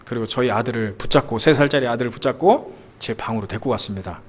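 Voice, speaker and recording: A man's voice: medium pitch, fast talker, husky. A man in his thirties preaching a sermon in a church, asking the congregation questions and telling stories about his young sons. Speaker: pastor. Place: church sanctuary.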